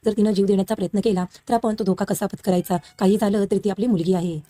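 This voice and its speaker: Sorrowful torn mother, read by a woman narrator, mellow and quick. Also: medium pitch, fairly even intonation, natural voice. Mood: troubled. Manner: anxious, sorrowful. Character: troubled middle-aged mother torn between family.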